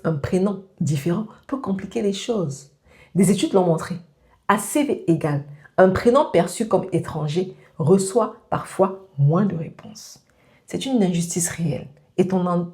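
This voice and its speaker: A woman's voice: fairly low pitch, mellow. A woman hosting a parenting channel, giving direct, step-by-step advice straight to the listener. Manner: direct, addresses the listener as "tu" with instructions.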